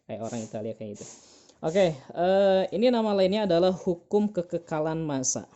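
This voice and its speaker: A woman's voice: on the low side, expressive, normal speed, warm tone, muffled recording. A woman teacher giving an online chemistry lesson, patient and repeating key terms with many fillers.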